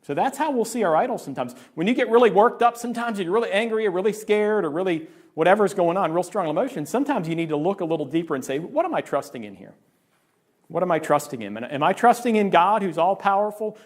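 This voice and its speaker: Conversational man preaching a sermon. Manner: conversational preaching, keeps asking "right?"; acts out inner voices with sudden jumps in pitch. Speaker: pastor. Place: church.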